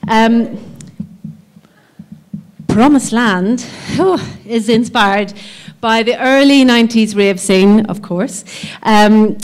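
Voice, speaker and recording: A woman presenting her company's show at an arts conference, hesitant, with many pauses and ums. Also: fairly high pitch. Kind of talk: live pitch at an arts conference.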